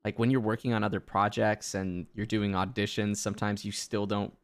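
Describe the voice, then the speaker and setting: A man, a voice actor hosting a stream, chatting casually in an animated, affirming way. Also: on the low side, brisk. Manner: animated, affirming, lots of fillers. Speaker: host, voice actor.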